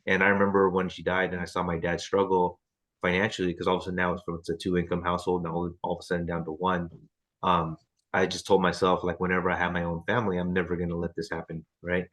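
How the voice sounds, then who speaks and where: Talking fast in a low, monotone voice with a fairly bright tone, a man in his thirties runs a team training on a video call. His delivery is relaxed and casual, with many fillers and false starts.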